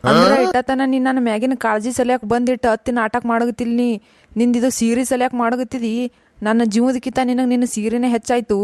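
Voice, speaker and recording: Woman doing a fed-up cartoon husband, North Karnataka accent, rapid scolding, dry close sound. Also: on the high side, flat delivery, a little mellow, dry recording, lightly acted. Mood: bitter. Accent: North Karnataka Kannada. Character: exasperated adult son and husband caught in family fights. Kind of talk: cartoon voice acting.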